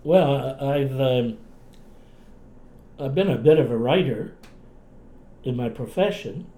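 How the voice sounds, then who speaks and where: Talking slowly at a medium pitch, a retired man from Cape Breton, Canada, once a clinician and writer, reminisces in conversation with a relaxed, chatty, folksy warmth and a local accent. The interview takes place inside his home, with roomy echo and faint noise in the background.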